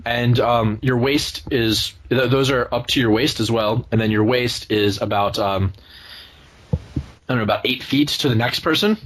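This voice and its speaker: A man improvising tabletop game narration as game master, often searching haltingly for his words. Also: mid-range voice, fairly bright tone. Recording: noisy room recording.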